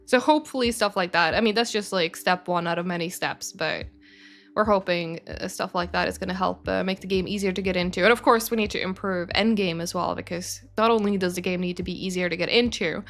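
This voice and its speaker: This young Swedish community manager for a game studio has a fairly low, fairly bright voice and speaks a little fast. Chatting casually on a livestream, she rambles through viewer questions, leaning on fillers and correcting herself often.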